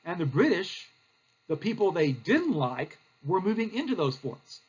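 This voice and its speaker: A man's voice: sits high, big pitch swings, measured pace, a little mellow, breathy edge, muffled recording. A male teacher, giving a recorded history lecture in a plain, explanatory way with frequent fillers.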